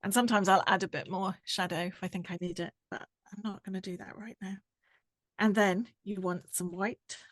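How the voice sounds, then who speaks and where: A woman, explaining a drawing tutorial step by step while she works, her voice going hoarse. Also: mid-range voice, steady tone, normal speed, dry recording, studio quality. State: losing her voice. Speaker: art tutor.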